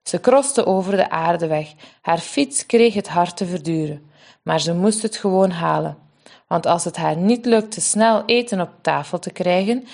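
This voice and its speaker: A woman reading a story aloud for children, with a lively and expressive delivery. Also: lowish voice, vocal fry.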